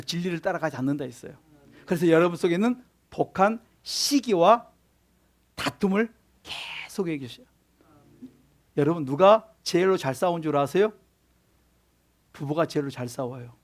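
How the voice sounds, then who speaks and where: A male pastor preaching a sermon in church, often putting questions to the congregation and answering them. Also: sits high. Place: church sanctuary.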